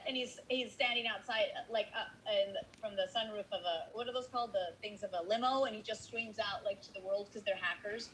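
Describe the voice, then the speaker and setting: A woman from Colombia, a voice actress chatting casually in an interview, playful and animated. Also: medium pitch, fairly quick, few pauses, slight background noise, rough recording. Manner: playful, animated, quotes lines in character voices. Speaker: voice actress guest.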